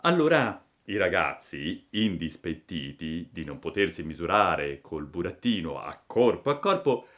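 A man calmly reading a classic children's story aloud as narrator. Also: sits low, unhurried, hardly any pauses.

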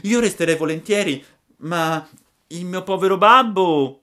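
A man voicing an excitable wooden puppet boy with a high, breathless, pleading voice. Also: a little slow. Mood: eager.

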